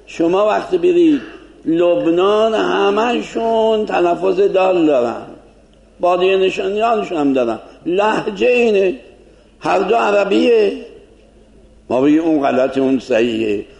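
A man's voice: high voice, lively intonation, creaky, darkish tone. A man giving an informal lecture to a class, explaining conversationally and asking rhetorical questions.

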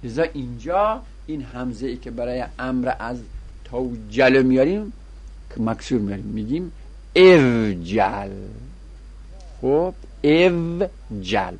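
A man leads a grammar lesson with a husky, slightly breathy voice. He chants long lists of verb forms in a sing-song rhythm, then explains the rules in plain talk. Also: medium pitch, darkish tone, dry recording. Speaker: teacher. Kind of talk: Arabic grammar lesson, conjugation drills.

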